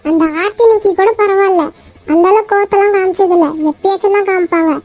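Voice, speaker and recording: A woman's voice: very high voice, fairly even intonation, quick pace, darkish tone, dry recording. A woman voicing a young office woman in a cartoon, complaining and gossiping animatedly. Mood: aggrieved. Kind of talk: Tamil cartoon voice acting.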